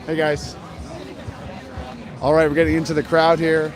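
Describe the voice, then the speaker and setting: A man's voice: a little high, monotone, normal speed. A man hosting a casual livestream at an outdoor street protest, chatting with people and inviting strangers on. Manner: chatty, friendly, approaches strangers. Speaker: livestream host. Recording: crowd and music behind.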